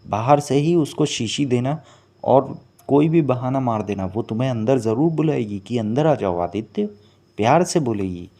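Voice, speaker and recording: A man voicing a scheming female mermaid who is calm and vengeful, in a slow, hushed storytelling manner. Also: mid-range voice, lightly acted. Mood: instructing.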